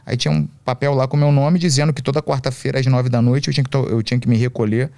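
Brief: man, podcast guest, animated storyteller, dry close sound. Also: mid-range voice, quick pace, vocal fry, dry recording. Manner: slangy, animated storytelling full of swearing. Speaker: podcast guest, MMA coach. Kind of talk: casual storytelling.

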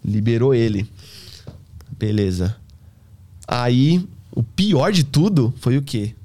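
A man's voice: mid-range voice, slow. Slangy man telling a story. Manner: animated, acts out dialogue with slang. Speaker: hair stylist guest. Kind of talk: casual podcast storytelling.

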